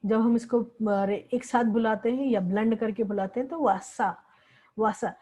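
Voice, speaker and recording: A woman's voice: on the high side, fairly even intonation, moderate pace, mellow, low-quality recording. A woman teaching a language lesson, patiently repeating each word several times. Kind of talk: slow spoken lesson with repeated words.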